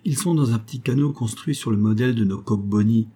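Man reading old boatman, low voice, humble, eager, husky, storybook audiobook. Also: brisk, dark tone, lightly acted. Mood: earnest. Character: weathered older male boatman, former convict, devoted.

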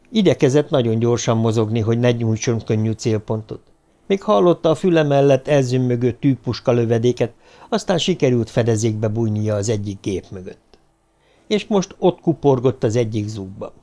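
A man narrating an audiobook in a steady, even delivery. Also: medium pitch.

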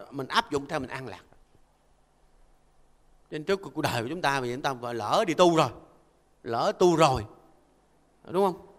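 An older Buddhist monk gives a folksy, conversational dharma talk and keeps asking listeners to agree. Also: male voice, on the high side, a bit bright, in a large hall. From Vietnam. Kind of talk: conversational sermon.

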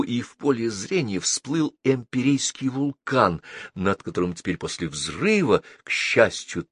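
A man narrating an audiobook in an animated, dramatic reading style. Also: fairly low pitch, no echo, studio quality.

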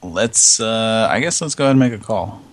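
A man hosting a casual radio show, hoarse with a scratchy throat, rambling and meandering as he talks. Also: lowish voice, expressive, moderate pace, no room sound. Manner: rambling, meandering, chuckling often.

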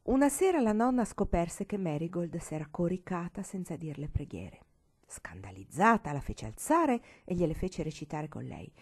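A woman's voice: fairly low pitch, sing-song, moderate pace, a little mellow, husky. A woman reading a storybook aloud expressively, sometimes dropping to a whisper. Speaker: audiobook reader.

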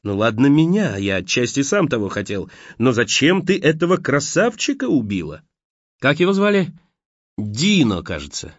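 A sly dead young man taunts and mocks in a lively, wandering voice, as a man acts him out. His tone is cunning and cruel. The recording sounds dull and close. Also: medium pitch, normal speed, dry recording. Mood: mocking.

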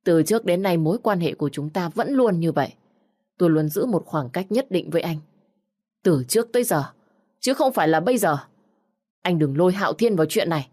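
A woman's voice: lowish voice, animated, fairly quick, darkish tone. A woman reading a firm young mother. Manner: firm, then anxious toward her child.

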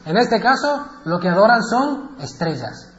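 A man delivers a religious lecture as lively storytelling. His high voice swings widely and he laughs between phrases. The recording sounds roomy and a little dull. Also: slow, gravelly, soft background music.

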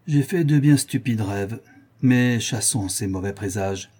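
A man voicing a middle-aged politician who speaks gruffly and impatiently. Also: lowish voice, measured pace, mellow. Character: middle-aged male politician, smug, irritable.

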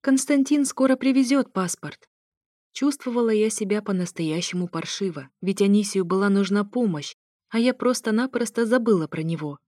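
A woman's voice: medium pitch, a little fast, warm tone, no echo. A young woman narrating an audiobook in the first person, in a wry, ironic tone, close to the mic.

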